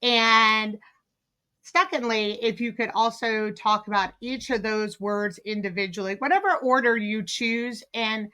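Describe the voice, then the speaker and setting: A woman's voice: a little high, steady tone, measured pace, sharp tone, clean tone. A woman hosting a podcast interview, enthusiastic, with frequent fillers and restarts as she talks. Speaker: podcast host.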